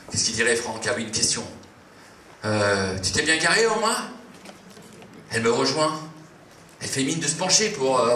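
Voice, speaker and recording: A man telling a comic story live, in a playful, halting way, with many fillers. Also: medium pitch, bright, forceful tone. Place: live venue. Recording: echoey room, distant mic, faint noise.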